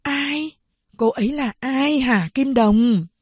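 A woman's voice: high-pitched, slow, husky, dry recording, voice pushed up, exaggerated voice. A woman voicing an older mother who grieves and pleads over her sick son. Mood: anxious. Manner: wailing, pleading.

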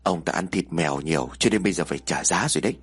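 Man doing a hushed gossiping village woman. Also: low voice, rapid-fire, husky, pitched below the performer's own voice.

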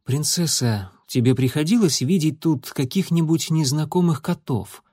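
A man's voice: on the high side, normal speed, warm tone, husky, no room sound. Earnest warrior tomcat, slightly raised voice, man reading, dry recording. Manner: earnest, cautious. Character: brave young male warrior cat, caring brother.

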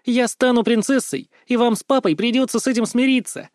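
An audiobook reader voicing an impulsive, excitable young girl who bursts out loudly and dramatically. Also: mid-range voice, brisk, no room sound, studio quality, pitched above the performer's own voice, close to an everyday voice. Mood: excited. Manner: loud, dramatic, pouting outbursts.

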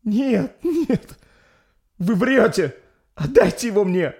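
A man voicing a young princess in labour, with a frantic, strained, high voice. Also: very animated, slow, vocal fry, a little mellow, heavily acted. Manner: frantic high-pitched screaming.

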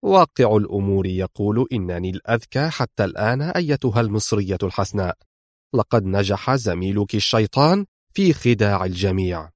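A man's voice: fairly low pitch, expressive, fairly quick, dry recording, studio quality, natural voice. A man voicing a gloating, mocking male crime boss who taunts with smug confidence in an audiobook.

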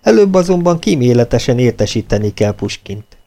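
A man narrating an audiobook in a steady, measured reading. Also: medium pitch, vocal fry.

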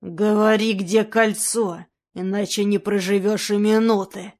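A woman's voice: mid-range voice, steady tone. Woman doing a growling bearded robber. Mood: threatening. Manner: growling, slow and threatening.

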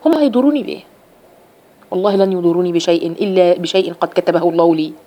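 A middle-aged woman with an Egyptian accent giving a religious lesson to women, lively and repeating her phrases as she acts out examples. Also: fairly low pitch, fast. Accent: Egyptian Arabic. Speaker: religious teacher.

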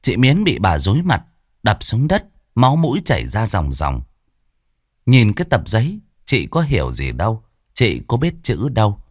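A man narrating a dramatic folk tale in an unhurried, expressive way. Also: fairly low pitch, no room sound, studio quality. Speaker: storyteller.

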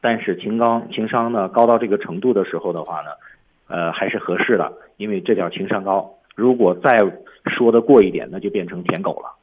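A man's voice: on the low side, brisk, breathy edge, narrow, tinny audio. A man teaching English on a radio lesson, explaining film lines step by step.

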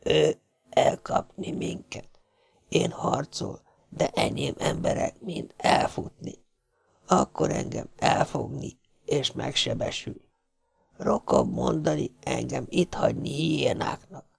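A man's voice: medium pitch, wildly swooping pitch, gravelly, husky, no echo, pitched above the performer's own voice, exaggerated voice. A man voicing a dying, wounded male ship's cook who whispers faintly in broken grammar. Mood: gasping.

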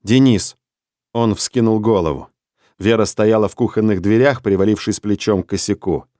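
A man narrating a dark story as an audiobook, in a steady, measured reading. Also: lowish voice, no room sound, clean studio sound.

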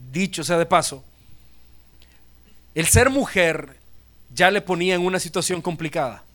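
A man's voice: high voice, a bit bright. A male pastor preaching a sermon emphatically, repeating points and asking rhetorical questions.

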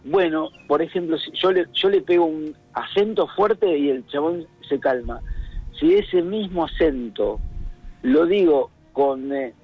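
A man's voice: fairly high pitch, unhurried, darkish tone, husky, rough recording. A middle-aged man with a Rioplatense Spanish accent, a radio columnist talking casually, thoughtful and searching for words, now and then humming rhythms. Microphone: phone line. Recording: radio broadcast, faint music.

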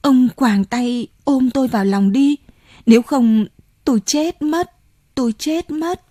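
A woman's voice: high-pitched, measured pace, mellow, no echo, studio quality, voice pushed up. A woman reading an audiobook voices a frightened older woman who pleads urgently and breathlessly. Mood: frightened pleading.

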